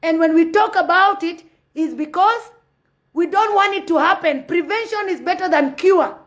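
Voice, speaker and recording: Very high-voiced, impassioned woman. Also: moderate pace. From South Sudan. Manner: passionate, preachy, repeats her points. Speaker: social commentator on a live video. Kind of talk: impassioned live-stream commentary.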